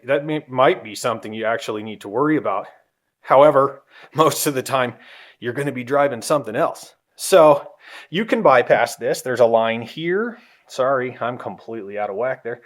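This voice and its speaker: Guy in his garage explaining car stuff, kinda rambly, lots of ums, bit out of breath. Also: mid-range voice. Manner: relaxed and rambling, with frequent ums and self-corrections. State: a little out of breath. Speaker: car hobbyist vlogger. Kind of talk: casual how-to explanation.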